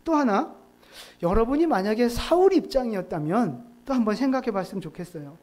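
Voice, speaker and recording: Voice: medium pitch, animated, a little fast, a little mellow. A pastor giving a sermon in a conversational way, often asking the congregation rhetorical questions. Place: church sanctuary.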